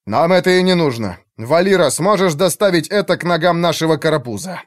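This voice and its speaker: A hard, commanding male knight leader who snaps short orders in a raised, forceful voice, as the audiobook reader plays him. The sound is dry and close. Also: a little high, animated, brisk, no room sound, voice pushed up, natural voice. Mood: stern. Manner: barked curt orders.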